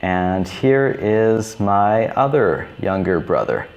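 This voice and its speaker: A man in his thirties teaching beginner English, repeating each simple phrase slowly and clearly. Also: lowish voice, lively intonation, darkish tone, dull audio. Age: 30s. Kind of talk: slow, repetitive teaching for beginners.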